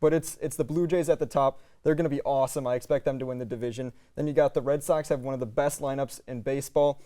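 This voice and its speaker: Here a twenty-something American student sports reporter delivers highlights and play-by-play in a quick, dark-toned voice. His pitch is medium and his intonation stays fairly even.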